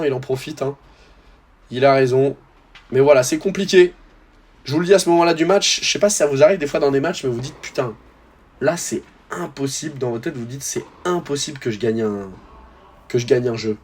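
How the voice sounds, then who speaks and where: A young man with a French accent talks over footage of his own tennis match in a loose, slangy way. He addresses his viewers directly, swinging between excitement and frustration in an easy, chatty voice-over. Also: on the high side. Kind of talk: casual voice-over commentary.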